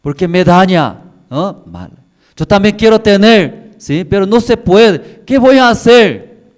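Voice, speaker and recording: A man's voice: sits high, sing-song, a little slow, voice pushed up. A male preacher voicing a sorrowful childless wife who cries out in anguish over her rival's insults.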